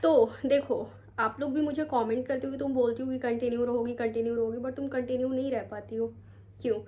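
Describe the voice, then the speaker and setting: A woman's voice: on the high side, fairly even intonation, fast, muffled recording, slight background noise. A young woman from India chatting casually to her camera at home as a vlogger, rambling and mixing English words into her talk, tired and sore from a long day. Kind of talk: casual vlog chat to camera. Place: home, bedroom.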